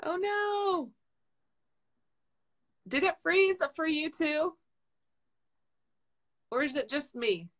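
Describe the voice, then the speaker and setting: A woman hosting a live video interview from her phone, playful and animated. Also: sits high, takes it slowly, long pauses. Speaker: host. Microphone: phone on video call.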